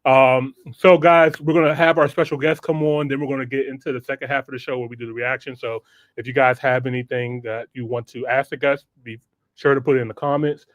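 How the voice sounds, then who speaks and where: A man's voice: mid-range voice, little pitch movement, fairly quick, dry recording, lo-fi sound. A man hosting a live online talk show, chatting loosely with slang and frequent laughs. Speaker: podcast host. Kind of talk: casual live-stream chat.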